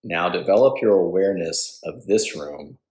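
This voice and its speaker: Leading yoga nidra as an instructor, a man speaks in a low voice, calm and measured, pausing between phrases. The audio quality is poor.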